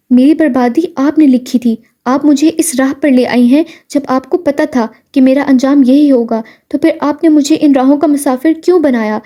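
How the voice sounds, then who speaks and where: A woman's voice: sits high, dark tone, natural voice. Woman reading as a vengeful jealous young woman. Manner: furious ranting threats.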